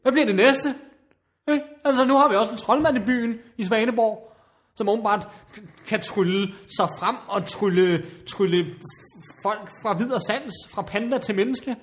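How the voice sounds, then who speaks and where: A man's voice: high voice, lightly acted. A man playing a flustered, exasperated bar worker who rambles, stammers and repeats himself in a comic drama. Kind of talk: comic role-play drama.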